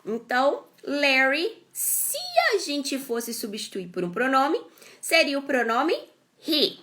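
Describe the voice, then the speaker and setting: Slow, bright-voiced woman teaching. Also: high-pitched, expressive. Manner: explains step by step, checks in with "ok?" and "tá?"; reads English example sentences slowly and carefully. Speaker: English teacher. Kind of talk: online English grammar lesson.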